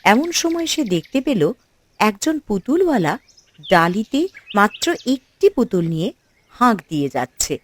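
Expressive woman storyteller. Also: mid-range voice, unhurried, slight background noise. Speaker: narrator. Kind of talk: scripted storybook narration.

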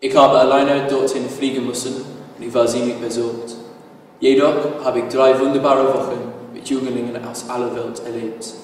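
A man's voice: medium pitch, level tone, normal speed, slight background noise. A teenage boy, a student speaking German as a learner, reciting. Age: teens. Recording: distant echoey hall.

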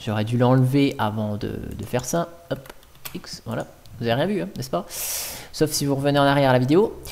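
A man's voice: mid-range voice, fairly quick, creaky, darkish tone, slight background noise. A man hosting a casual screencast tech tutorial at his home computer, thinking aloud and chatting in informal slang.

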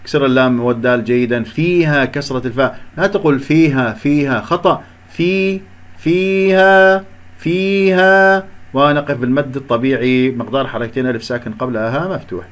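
A man teaching Quran recitation. He explains each letter and sound, recites slowly to demonstrate and corrects common mistakes. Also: mid-range voice. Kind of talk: recitation lesson with slow demonstrations.

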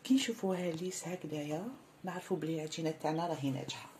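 A woman's voice: low voice, steady tone, very fast, noisy background. A woman with an Algerian Arabic accent hosting a cooking tutorial, talking viewers through each step in a friendly way and calling them sisters. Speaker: cooking channel host.

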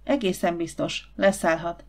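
A woman voicing a gruff, passionate man in an audiobook, speaking in a low, hushed murmur. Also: lightly acted.

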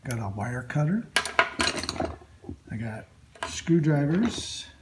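A man hosting a workshop video, casually showing his tools in a slow, halting way with lots of ums and uhs. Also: a little high, sing-song, very noisy. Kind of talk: casual show-and-tell of tools. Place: indoor workshop at a metal bench. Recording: loud clatter of metal tools.

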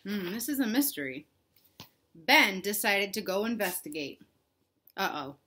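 A young woman reads a picture book aloud to small children in a living room at home, posing simple questions to her listeners as she goes. Her mid-range voice is sing-song and expressive, a little slow, with a sharp tone, like a teacher or children's read-aloud host. There's slight background noise.

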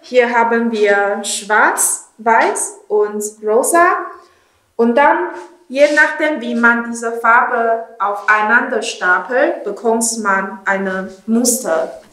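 A woman in her thirties from Taiwan, a ceramic designer explaining her work in careful, halting German with many fillers. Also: a little high, a bit bright. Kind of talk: studio tour explanation. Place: indoor ceramics studio, small room. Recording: roomy studio echo.

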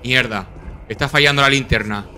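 A young man with a Spain Spanish accent giving live gameplay commentary, talking to himself in quick repeated bursts and swearing and yelping whenever he is under attack. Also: mid-range voice. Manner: excitable, swears and yelps when under attack. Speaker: gaming channel host.

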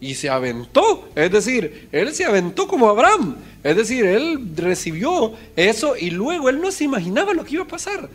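High-voiced male preacher telling a story. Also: huge pitch swings, moderate pace. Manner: storytelling, asks the congregation questions. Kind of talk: sermon.

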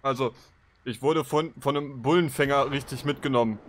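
Ein Mann spielt eine Frau, die am Telefon ihre Stimme verstellt und absichtlich tief und stockend spricht. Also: male voice, slight background noise, natural voice. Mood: disguised. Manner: disguised deep voice, slow and halting. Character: woman caller faking a deep voice. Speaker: roleplay player. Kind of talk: voice roleplay on a phone call.

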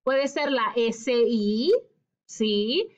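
A woman's voice: on the high side, extremely slow, dull audio. A woman teaching children a phonics lesson, patiently sounding out syllables, rolling her R and answering her own questions.

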